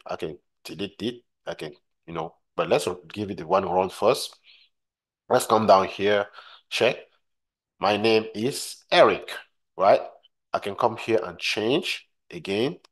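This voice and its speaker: Deep-voiced man teaching on screen. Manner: repeats points, frequent "right?" checks. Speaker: tutorial instructor. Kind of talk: screen-recorded software tutorial.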